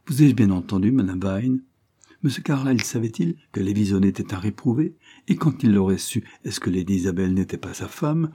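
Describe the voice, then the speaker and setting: A man's voice: on the low side, animated, a little fast, mellow, husky. A man voicing a fervent, indignant young wife. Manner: fervent, accusing, rising to emphasis.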